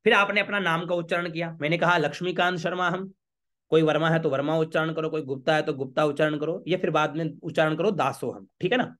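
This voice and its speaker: A man, a priest teaching a home worship ritual step by step, chanting Sanskrit lines slowly and checking with the listener often. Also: a little high, steady tone, a bit bright. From Rajasthan, India. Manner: patient, repeats checks like "okay?".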